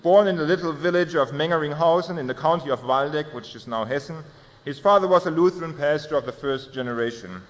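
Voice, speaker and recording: A man presenting a theology paper, reading it aloud in a formal, measured way with small self-corrections. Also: a little high. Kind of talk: reading a prepared academic paper. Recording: long hall reverb.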